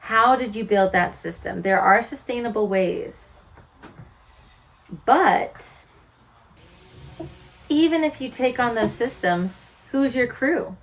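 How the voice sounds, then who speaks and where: A woman's voice: a little high, slow pace, long pauses, low-quality recording. A woman of about forty, a homesteading vlogger, talking earnestly to camera and posing rhetorical questions about her lifestyle. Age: 40s. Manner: earnest, candid, asks many rhetorical questions. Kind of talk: reflective direct-to-camera talk.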